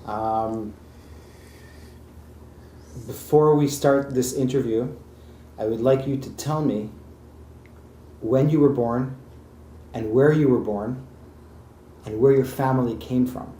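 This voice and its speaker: A man's voice: mid-range voice, slow, pauses often, mellow. A man conducting an oral history interview at someone's home, patiently repeating answers back to check them. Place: private home. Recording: echoey room with faint background noise.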